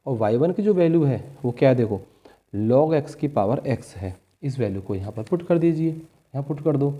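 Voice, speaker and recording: A man teaches calculus to students, posing questions and answering them himself. His voice is deeply mellow and warm, at a middling pitch. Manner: step-by-step, asks and answers his own questions; calls students "बच्चे" and "भाई". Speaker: maths teacher. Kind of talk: board-exam maths lesson.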